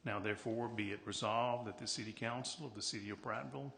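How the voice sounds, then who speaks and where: A man's voice: lowish voice, fairly even intonation, quick pace, gravelly, fairly bright tone. A man, a city councilor, formally reading out a resolution. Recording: reverberant hall, faint background noise.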